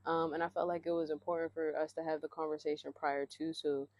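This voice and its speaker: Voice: mid-range voice, flat delivery, fast, no room sound, lo-fi sound. A podcast host chatting casually outdoors in a rambling, slangy way, laughing between thoughts. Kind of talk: casual solo podcast talk.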